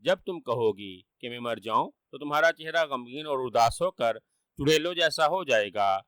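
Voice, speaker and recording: A man's voice: medium pitch, lively intonation, fairly bright tone, no room sound, studio quality, lightly acted. A man voicing a wily trickster who fakes dying, whining and sly.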